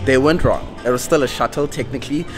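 A young South African man vlogs casually to a camera held at arm's length, talking fast in a mid-range voice over music. He rambles with self-deprecating asides, moving from indoors at home to an outdoor farm venue.

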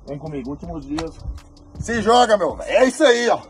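A man doing an excited, loud sales pitch for a raffle prize. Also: brisk, noisy background. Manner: excited, shouting promo patter. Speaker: raffle promoter. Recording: over loud music.

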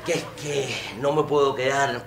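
A man with a Cuban accent playing a nervous, superstitious Cuban back from Spain, animated and mixing in Spanish slang. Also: medium pitch, moderate pace, gravelly, reverberant, background noise, natural voice.

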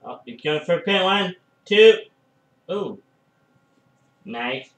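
Casual male fan commentator, slow and halting, excitable bursts, slightly high voice, echoey room. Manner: excitable, frequent "oh" and "uh" fillers. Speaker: fan commentating a wrestling match.

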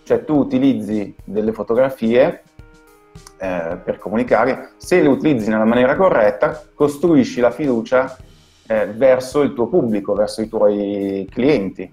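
A man with an Italian accent, a guest designer, explaining things in a halting way that repeats words over a video call. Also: mid-range voice, warm tone, faint music behind. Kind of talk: casual video call interview.

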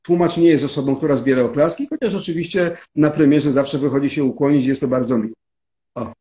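A man's voice: mid-range voice, brisk, mellow. A man answering interview questions, describing his translation work in a methodical, explanatory way. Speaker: interview guest, musical translator.

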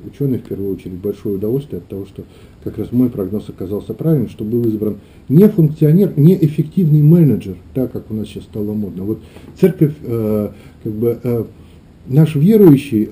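Male clergyman, middle-aged, very dark soft-edged tone, reflective interview delivery with hesitant phrasing. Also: medium pitch. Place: small meeting room indoors.

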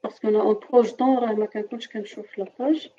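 A woman's voice: mid-range voice, fairly even intonation, very fast, warm tone, a little hiss or hum. A woman teacher with a Moroccan French accent, lecturing a chemistry class over a video call and explaining step by step while often checking that students follow. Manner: explains step by step and keeps asking "d'accord?". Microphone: computer mic on a video call. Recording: dull lo-fi video-call audio.

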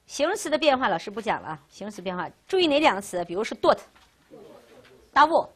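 A woman teaching a Russian grammar class, lecturing lively and asking questions she answers herself. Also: mid-range voice, very fast.

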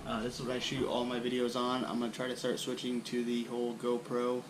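A young bushcraft host runs through his camping gear in a casual show-and-tell, recorded on the camera mic in a small room with a wooden floor. His mid-range voice is brisk yet relaxed and rambling, with lots of fillers, and the background is noisy.

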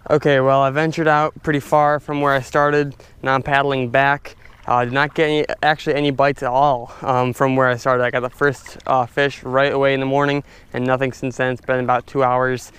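A young man casually narrating his fishing from a stand-up paddleboard on a lake, chatty and excitable, talking to his viewers. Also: medium pitch, brisk, smooth. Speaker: fishing vlogger. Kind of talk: casual outdoor commentary. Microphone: head-mounted action camera.

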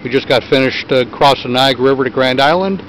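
A man casually narrating while paddling a kayak on a creek outdoors, relaxed and chatty, with plenty of filler words, recorded on a handheld camera. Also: medium pitch, quick pace, slight background noise, poor audio. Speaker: kayaker filming friends.

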